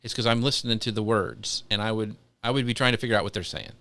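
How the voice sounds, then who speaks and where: A man's voice: on the low side, fairly even intonation, fast talker, a bit bright, dry recording. A man co-hosting a live podcast, chatty and rambling, with many ums and restarts. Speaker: podcast co-host. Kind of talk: casual live podcast chat.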